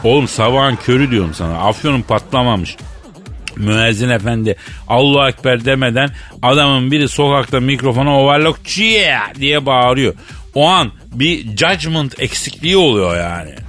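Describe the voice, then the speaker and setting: A man's voice: medium pitch, lively intonation, moderate pace, a bit bright, soft background music. Teasing man telling comic stories. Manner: playful teasing storyteller who acts out dialogue. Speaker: radio comedy co-host. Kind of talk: comic radio banter.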